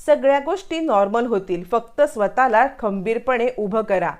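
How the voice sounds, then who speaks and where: A woman's voice: on the high side, normal speed, natural voice. A woman reading the lines of a caring young daughter-in-law who reassures others. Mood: reassuring.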